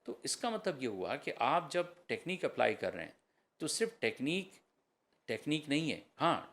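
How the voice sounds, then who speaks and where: A man speaks as an IELTS trainer on a podcast. He explains step by step at a mid-range pitch and drops English terms in as he goes. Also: big pitch swings, fairly bright tone. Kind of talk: podcast interview answers.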